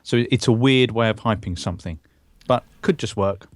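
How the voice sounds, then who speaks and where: A male podcast co-host with a lowish voice, recorded dry and close. He gives thoughtful commentary with a few hedges, in a relaxed conversational way. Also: normal speed, dry recording. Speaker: podcast co-host covering games. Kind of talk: casual chat.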